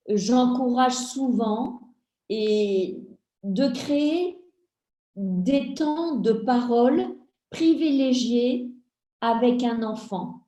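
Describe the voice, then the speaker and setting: A middle-aged woman giving a talk on family communication over a video call, speaking in a measured way and acting out little family dialogues. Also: a little high, dark tone, roomy sound. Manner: slow, measured, acts out family dialogue examples.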